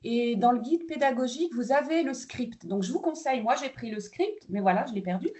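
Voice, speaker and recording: Mellow-voiced woman explaining teaching steps. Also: fairly high pitch, lively intonation, a little fast. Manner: explanatory, with hesitations and fillers. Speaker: kindergarten teacher presenting a webinar. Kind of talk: teacher training webinar.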